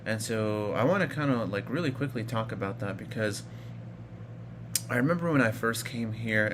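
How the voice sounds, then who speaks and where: Over a noisy background, an Iraqi man in his thirties speaks in a mid-range voice as he vlogs about his life. His story wanders, full of fillers and false starts.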